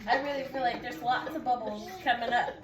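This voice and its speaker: A young mother in casual, joking family chat at home, quick to laugh. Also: on the high side, steady tone, far from the mic, crowd noise. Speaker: mother of the children. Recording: roomy echo, voice from off-mic, loud music behind.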